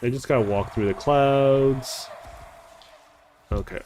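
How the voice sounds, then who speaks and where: A man's voice: medium pitch, slow pace, a little mellow, a little hiss or hum. Rambling man streaming a game. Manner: rambling, heavy on "like" and "uh". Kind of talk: casual gameplay commentary.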